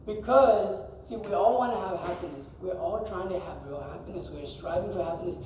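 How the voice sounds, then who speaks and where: High-voiced man teaching in an echoey hall. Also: fairly quick, crowd noise. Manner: conversational, quizzes the audience, laughs often. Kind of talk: scripture class talk. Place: temple hall. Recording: echoey hall, mic far off.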